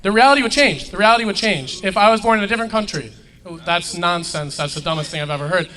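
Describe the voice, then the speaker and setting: A young man arguing insistently in a heated debate, cutting in with quick denials. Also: sits high, sharp tone, big-room sound. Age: young adult. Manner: insistent, interrupts with rapid denials. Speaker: student activist in a debate.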